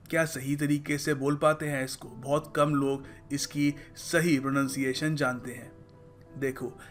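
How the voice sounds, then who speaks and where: A man with a fairly high voice teaches pronunciation in a playful, teasing way. He says each word slowly and repeats it as a drill. Soft music plays faintly under his voice. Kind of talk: lively explanatory lesson.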